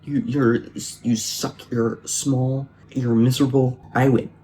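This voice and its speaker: Man doing the gloating creature, smug monster trash talk, mellow tone. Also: mid-range voice, level tone, takes it slowly, a little hiss or hum, lightly acted, low-quality recording. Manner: mocking, boastful trash talk.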